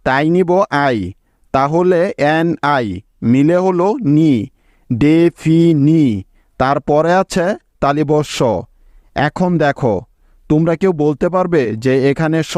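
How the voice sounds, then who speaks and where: A man with a somewhat high voice teaches a spelling lesson at a very slow, deliberate pace. He sounds out each piece of a word one at a time and keeps asking his students whether they are following. The recording is dry and close, with no room sound. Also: a little mellow, no echo. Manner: patient, slow, breaks words into syllables and checks with students. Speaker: English teacher. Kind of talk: spelling lesson explained step by step.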